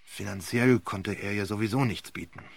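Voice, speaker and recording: A man doing a gruff, grumbling old barrister. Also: fairly low pitch, moderate pace, pitched below the performer's own voice. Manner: growling, grumbling.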